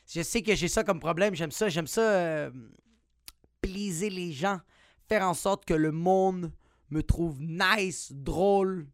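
A man's voice: high-pitched, dry recording, clean studio sound. A young man with a Quebec French accent doing a playful, profanity-laced comic monologue on his podcast. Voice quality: swears a lot, animated and playful. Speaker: podcast host.

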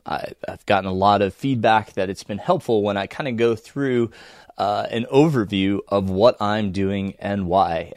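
Croaky, low-voiced American man with a cold. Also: dry recording, studio quality. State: under the weather, congested. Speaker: podcast host and running coach. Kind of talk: casual solo podcast talk.

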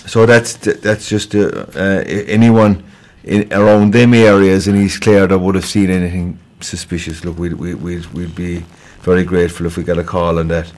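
A man with a Kerry accent speaks in a low, fairly even voice. He sounds like a police sergeant on local radio, giving an informal appeal in a halting, conversational way and doubling back on words. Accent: Kerry, Ireland. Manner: hesitant, repeats words, conversational. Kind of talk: informal crime report interview on local radio.

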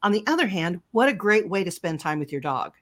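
A woman's voice: lowish voice, big pitch swings, fairly quick. A woman chatting casually and giving her opinions, reflectively weighing both sides of her own argument.

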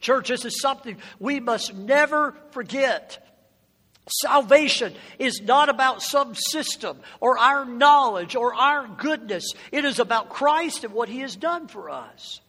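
A man's voice: very high-pitched, animated, unhurried, bright, forceful tone. A man preaching a sermon to a congregation in a passionate, emphatic, exhorting way, with rhetorical questions and repetition. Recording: echoey hall with long reverb.

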